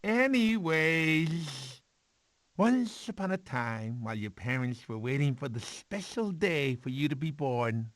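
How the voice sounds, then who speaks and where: Sid, a goofy, wildly animated sloth. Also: male voice, on the high side, takes it slowly. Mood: chatty storytelling. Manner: excitable, theatrical, exclamatory. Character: goofy, jittery male sloth, kindly bumbling uncle. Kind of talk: animated film tie-in game character dialogue.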